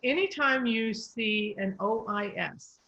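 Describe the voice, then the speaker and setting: A woman voice coach who patiently explains pronunciation and spells out letters slowly. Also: a little high, sharp tone, lo-fi sound.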